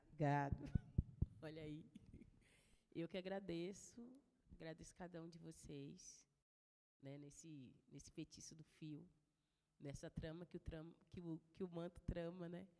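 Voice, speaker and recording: A woman speaking softly to an audience, with small laughs between phrases. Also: deep voice, steady tone, unhurried, long reverb tail. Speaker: speaker at a talk. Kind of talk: talk with a sung prayer.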